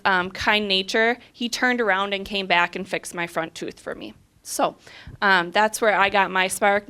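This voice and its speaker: A woman from southwest Minnesota telling a personal story as a panel guest, lively and earnest. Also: mid-range voice, clean tone.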